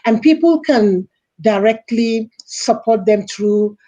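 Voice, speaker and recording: A woman's voice: fairly high pitch, animated, slow pace, warm tone, muffled recording. A woman interviewed on a podcast as a foundation director, speaking earnestly with hesitant fillers.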